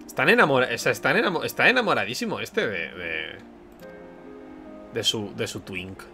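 A man from giving joking, loud commentary while streaming a game. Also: mid-range voice, sing-song, moderate pace, soft background music. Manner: joking, loud, laughing asides over cutscenes. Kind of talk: casual gaming commentary.

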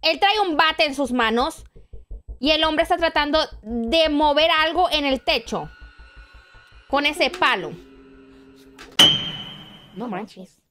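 A woman's voice: high-pitched, animated, a little slow, a bit bright, faint music behind. A woman in her twenties hosting a reaction video, chatting animatedly with jumpy exclamations. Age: 20s. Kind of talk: casual reaction commentary.

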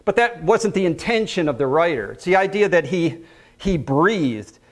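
A man's voice: high voice, expressive, normal speed. A man preaching a conversational sermon, quoting scripture, repeating phrases for emphasis and asking the congregation questions. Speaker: pastor teaching. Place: church.

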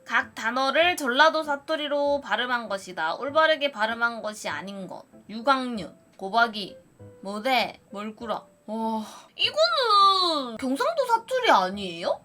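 Woman, Gyeongsang accent, bright tone, casual quiz commentary, thinks aloud, soft music behind. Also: high-pitched, very animated, measured pace. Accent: Gyeongsang Korean. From Gyeongsang region. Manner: thinks aloud, guesses playfully. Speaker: streamer taking a dialect quiz.

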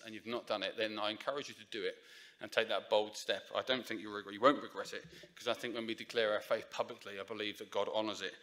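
A mid-range, slightly bright male voice delivers a chatty, informal sermon in a church sanctuary, stumbling through plenty of fillers and restarts. He comes from Essex, England, and is picked up by the lectern microphone.

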